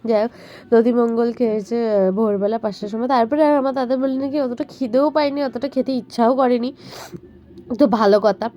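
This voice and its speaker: A young woman with a Bengali accent and a voice hoarse from a cold, chatting through a casual vlog voice-over with lots of fillers. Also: a little high, brisk, dark tone, highs cut off. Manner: chatty, rambling, many fillers. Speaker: vlogger.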